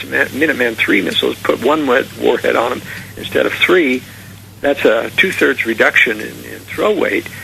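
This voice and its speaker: A man's voice: fairly high pitch, vocal fry, pushed and bright, slight background noise, poor audio. A man speaking as a radio talk show guest, giving earnest, conspiratorial political warnings in long, unscripted explanations. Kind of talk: unscripted political interview commentary.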